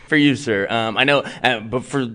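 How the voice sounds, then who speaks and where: A man's voice: medium pitch, moderate pace, sharp tone, clean tone. Friendly male interviewer. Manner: friendly, hedging with "sort of". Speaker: entertainment reporter, podcast host. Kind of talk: interview questions.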